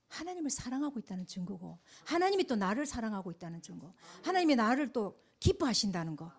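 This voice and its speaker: A middle-aged woman pastor, telling a testimony sermon in an animated way, loud one moment and hushed the next. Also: fairly high pitch. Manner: animated storytelling, swings from loud exclamations to hushed asides.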